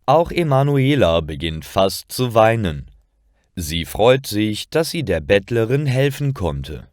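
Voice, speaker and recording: A man narrates short stories for language learners with slow, carefully paced sentences. His low voice rises and falls with plenty of expression. The recording is dry and close, with no room sound. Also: no echo. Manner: slow, clear, expressive reading.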